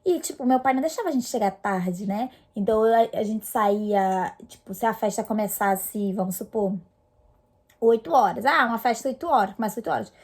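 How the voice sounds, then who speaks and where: A woman's voice: mid-range voice, brisk, darkish tone. A young woman from Brazil casually telling a personal story to her viewers, chatty and full of fillers. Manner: chatty, many fillers and restarts. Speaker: vlogger.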